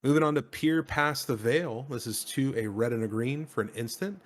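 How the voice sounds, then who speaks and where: A man with an average-pitched voice co-hosts a card game stream. He switches between reading cards aloud and casual chat, keeping it enthusiastic and full of informal slang. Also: normal speed.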